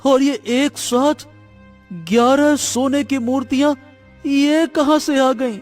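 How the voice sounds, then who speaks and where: A shrill cartoon woodcutter, boastful and greedy, who drawls slowly, as a man puts him on. Faint music hums underneath. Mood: bewildered.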